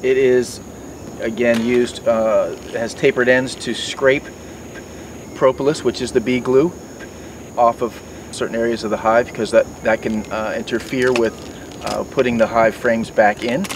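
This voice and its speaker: A man's voice: medium pitch, steady tone, unhurried. A middle-aged man in a garden, explaining beekeeping tools step by step with many fillers and restarts. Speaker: beekeeping mentor. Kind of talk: outdoor demonstration. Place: outdoors by garden foliage. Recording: distant mic, outdoor noise.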